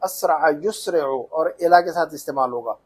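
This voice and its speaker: A man teaching an Arabic reading lesson, explaining grammar patiently and slowly drilling each word's pronunciation. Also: on the high side, darkish tone, husky. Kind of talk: language lesson.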